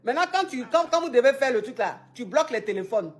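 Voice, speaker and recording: Animated woman giving advice. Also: a little high, fast talker, faint music behind. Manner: animated and teasing, repeats phrases, slangy. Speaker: advice show host, relationship coach. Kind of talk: casual advice chat with a caller.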